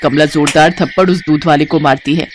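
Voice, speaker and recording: A woman narrating a horror story in an even, expressive storytelling way. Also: sits low, a little fast, a little hiss or hum.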